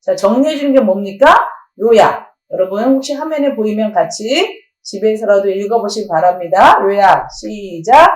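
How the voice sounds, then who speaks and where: A woman's voice: mid-range voice, animated, normal speed, hardly any pauses. A middle-aged woman, a counseling professor, lecturing and asking her audience rhetorical questions. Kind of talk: lecture on family communication. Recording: roomy echo, faint music.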